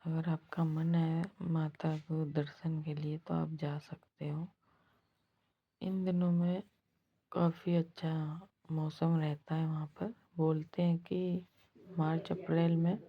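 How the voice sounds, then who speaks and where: Woman vlogging her trip, husky scratchy throat, low flat voice, kinda muffled lo-fi sound. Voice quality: husky, strained voice. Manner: slow, soft-spoken and devout. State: chronic throat trouble. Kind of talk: travel vlog voice-over.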